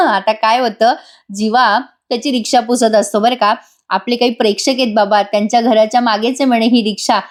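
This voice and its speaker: A woman's voice: fairly high pitch, fairly even intonation, fairly quick. Chatty woman recapping a serial. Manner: chatty, addresses viewers directly. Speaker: TV serial review narrator. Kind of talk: chatty episode recap voice-over. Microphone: voice-over recording.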